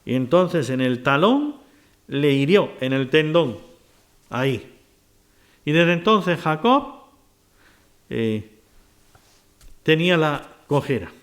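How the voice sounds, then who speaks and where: A man's voice: fairly high pitch, expressive, slow pace, long pauses. A man preaching a sermon, retelling scripture stories and asking his listeners rhetorical questions.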